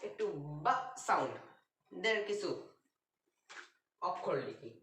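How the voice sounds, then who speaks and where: Woman teaching with a lively voice. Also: fairly low pitch. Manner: patient, drawn-out, writing as she talks. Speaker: English pronunciation teacher. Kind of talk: explanatory lesson at a board. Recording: roomy, distant, faint noise.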